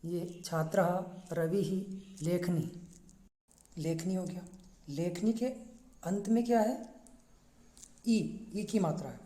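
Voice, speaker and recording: Teacher, lesson, slow, mellow tone, spells out syllables, roomy echo. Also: medium pitch. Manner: slow, patient, breaks words into letters one by one.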